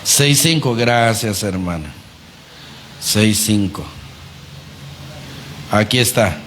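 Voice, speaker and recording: A man preaching a conversational sermon, animated and often putting rhetorical questions to the congregation. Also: fairly low pitch, slow pace, a little hiss or hum.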